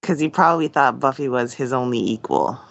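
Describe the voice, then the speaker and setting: A woman co-hosting a casual chat podcast, quick to laugh. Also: very deep voice, creaky. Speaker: podcast co-host.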